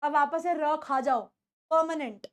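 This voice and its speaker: A woman with an Indian accent teaching spoken English pronunciation, repeating words slowly and quizzing her students. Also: sits high. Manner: drills words by repeating them slowly, asks the class questions.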